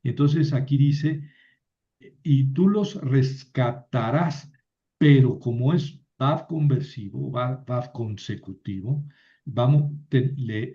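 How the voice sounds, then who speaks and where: Male teacher, unhurried and hesitant, full of fillers; muffled lo-fi sound. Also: medium pitch, dark tone. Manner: slow, hesitant explaining with many fillers and restarts. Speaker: biblical Hebrew teacher. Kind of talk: online class lecture.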